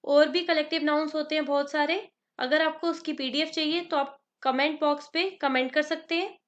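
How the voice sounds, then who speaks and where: High-voiced woman teaching grammar. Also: steady tone, lo-fi sound. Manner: slow dictation of examples, quizzing the viewer. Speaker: exam prep teacher. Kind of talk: grammar lesson in Hindi-English mix.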